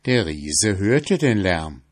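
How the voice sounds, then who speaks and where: A man narrating a fairy tale aloud in a slow, measured storytelling manner. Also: low-pitched, sing-song. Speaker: audiobook narrator.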